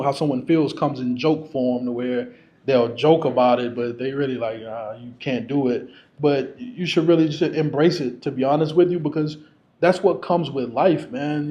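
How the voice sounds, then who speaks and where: The recording is muffled, and the man's voice is mid-range with a dark tone. As a featured guest, he speaks candidly and casually to a live audience, often laughing as he tells his stories.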